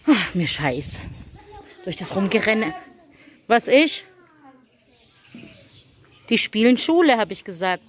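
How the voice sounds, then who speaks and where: A woman's voice: mid-range voice, big pitch swings, slow, long pauses. A middle-aged woman from Germany, chatting casually as a vlogger in a farmyard and slipping into simple English. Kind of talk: casual vlog chat. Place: farmyard with animal pens.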